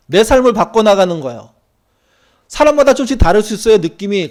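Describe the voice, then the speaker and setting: A middle-aged male pastor delivers a conversational sermon, acting out quoted lines from church members and from his wife. His voice sits high and sounds a little mellow.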